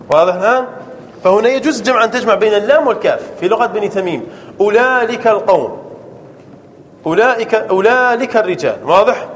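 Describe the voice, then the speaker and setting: A man with a high voice leads a classroom grammar lesson. He goes through the rules step by step and keeps stopping to ask his students whether they follow. A faint hum of the room sits under his voice. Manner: explains step by step, checks understanding with frequent questions. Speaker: grammar teacher.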